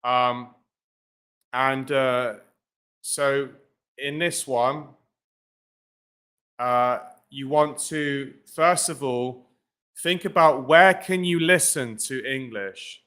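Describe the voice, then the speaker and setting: Bright, clear-voiced male English teacher. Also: medium pitch, drawn-out words, pauses often. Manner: informal, repeats "right?" and "guys", many fillers. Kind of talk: live-streamed lesson with screen share.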